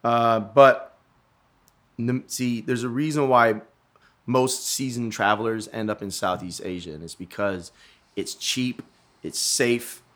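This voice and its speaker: Casting note: male podcast co-host, loose and profane, keeps restarting sentences, mid-pitched everyday voice. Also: steady tone, takes it slowly, fairly bright tone. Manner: rambling storyteller, profane, many restarts. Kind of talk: casual chat.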